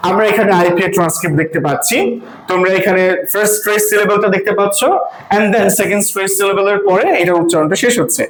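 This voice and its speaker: A woman with a mid-range voice and fairly even intonation teaches a class English pronunciation at a quick pace, questioning the students and breaking words into syllables one by one. The recording has an echoey room sound and loud crowd noise.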